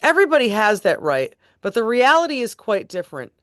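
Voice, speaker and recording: A woman reading court transcript passages aloud in a steady, deliberate way and adding her own remarks. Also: fairly high pitch, dry recording, clean studio sound. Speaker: tribute band host reading court transcripts.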